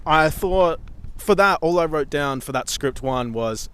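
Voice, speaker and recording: A man's voice: on the high side, expressive, unhurried, fairly bright tone, smooth. A man co-hosting a casual podcast, teasing his friend and laughing often as he reads out a script. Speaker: podcast co-host. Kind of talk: casual chat.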